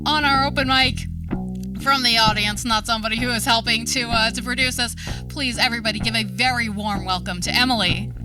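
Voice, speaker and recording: A woman hosts an open mic and introduces the next performer in an upbeat announcing voice. Her voice sits slightly high. She is picked up from a distance, with loud guitar music filling the space behind her. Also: steady tone, fairly quick. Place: live open mic venue.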